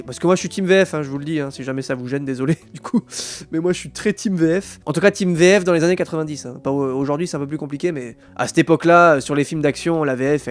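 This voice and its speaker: A man hosting a live stream, chatting casually about films and addressing his viewers with many fillers. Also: a little high. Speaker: streamer host.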